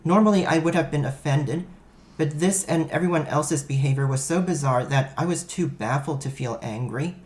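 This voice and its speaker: A man's voice: a little high, normal speed. A man reading a first-person story aloud, in a wry, self-mocking storytelling manner. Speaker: narrator.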